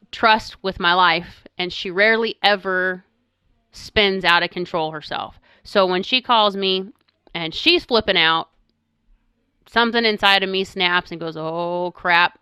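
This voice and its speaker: A middle-aged woman co-hosting a podcast, telling a story in an animated way and quoting herself as she goes. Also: on the low side, clean tone, no echo, clean studio sound. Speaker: podcast co-host. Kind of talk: casual chat.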